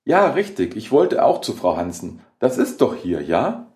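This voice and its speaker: A man reading a horror story aloud and voicing a polite, gentlemanly antique dealer who speaks in a deliberately calm way. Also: on the low side.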